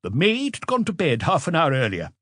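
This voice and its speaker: In an audiobook, a man voices an observant, self-assured male witness who answers precisely and matter-of-factly. He pushes his voice above his natural pitch into a fairly high, exaggerated, fairly bright register with huge pitch swings and a slightly fast pace. The studio recording is clean with no echo.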